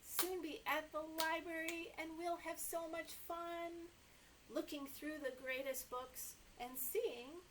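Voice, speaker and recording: Hosting story time for toddlers, a middle-aged woman reads aloud and chats with the kids in an exaggerated sing-song manner, in a small room with a sofa and toys. Her very high voice is a bit bright, with fairly even intonation and a slow pace. A little hiss or hum is audible.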